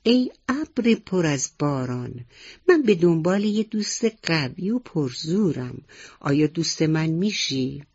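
A woman's voice: sits low, very animated, a little mellow, husky, highs cut off, heavily acted. Curious little boy mouse, as a woman tells it. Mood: earnest. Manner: earnest, questioning.

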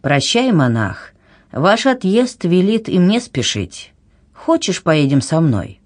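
Woman doing a sly, slow-talking merchant. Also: on the low side, sing-song, a little mellow, full character voice. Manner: slow, ingratiating. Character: sly older male merchant, smooth and insinuating.

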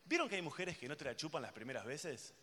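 A man's voice: on the high side, quick pace. A young man with a Rioplatense accent performing a live stand-up routine, acting out crude voices and talking straight to the audience. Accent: Rioplatense Spanish. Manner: animated, acts out crude voices, addresses the audience. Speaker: stand-up comedian. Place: stage in a hall before a live audience. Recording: reverberant hall with audience noise.

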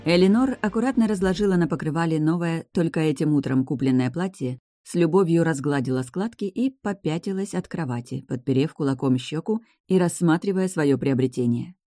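Low-voiced woman reading a storybook. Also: a little fast, hardly any pauses, no room sound, studio quality. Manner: expressive storytelling. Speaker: audiobook narrator. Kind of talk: scripted narration.

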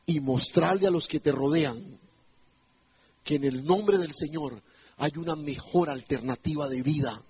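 A man's voice: fairly high pitch, measured pace, a little mellow, highs cut off, slight background noise. A male pastor preaching an emphatic sermon in a church, putting rhetorical questions to the congregation.

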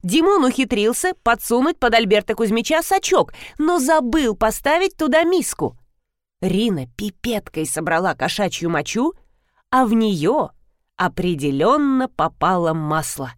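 A woman narrating a first-person audiobook in an expressive, amused way. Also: on the high side, a little slow, no room sound, clean studio sound. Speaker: audiobook reader.

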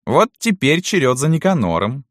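A man's voice: medium pitch, very animated, normal speed, no echo, clean studio sound, pitched above the performer's own voice. A man voicing a cruel, mocking middle-aged noblewoman landowner who taunts her serfs in a sneering sing-song.

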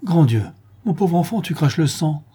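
A man's voice: a little high, animated, normal speed, mellow, slightly rough, pitched above the performer's own voice. A man voicing an anxious, tender father, a duke in a storybook, speaking in fervent exclamations. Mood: alarmed.

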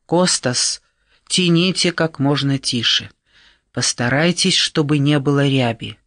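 A commanding male expedition guide, as a male audiobook narrator puts him on, giving steady, urgent orders in a slightly raised voice. His tone stays firm and controlled, and the read is close and dry. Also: a little high, a little slow, no echo. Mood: soothing.

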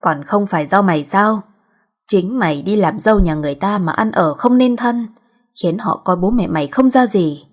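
A woman's voice: medium pitch, normal speed, lightly acted. Woman voicing an angry scolding mother. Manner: shouting, harsh scolding.

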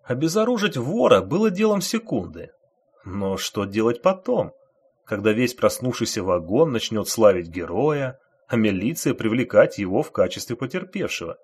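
A man narrating an audiobook thriller with expressive, tense storytelling. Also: medium pitch, moderate pace, breathy edge.

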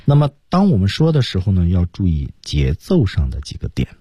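A man teaching English on a radio program, explaining pronunciation step by step and drilling words slowly. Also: sits low, wildly swooping pitch, warm tone, husky, no room sound, studio quality. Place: radio studio.

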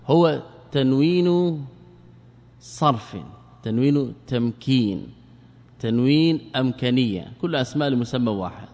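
A man leads a classroom lesson and keeps putting questions to his students. He repeats key words and stretches them out as he explains. His voice sits at an ordinary middle pitch and carries a long reverb, as if heard in a large hall. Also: darkish tone. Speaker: Islamic scholar teaching a class.

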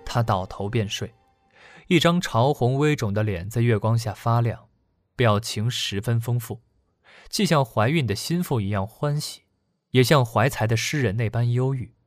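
A man narrates a serialized novel in an even, measured storytelling voice. His pitch sits in the middle, and faint plucked guitar plays beneath him. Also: no echo. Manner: steady storytelling delivery. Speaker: audiobook narrator. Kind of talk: scripted narration.

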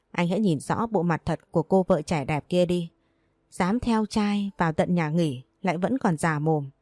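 A sly, jealous young schemer, sneering and mock-innocent, as a woman reading the audiobook puts her on. The voice is low-pitched and mellow, recorded close and dry. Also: no room sound, close to an everyday voice.

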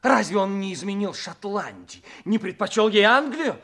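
A man's voice: high-pitched, big pitch swings, moderate pace, a bit bright, exaggerated voice. An actor playing a cold, persuasive military envoy who presses his case in a calculating, clipped way. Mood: coolly persuasive. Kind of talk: dramatic screen acting.

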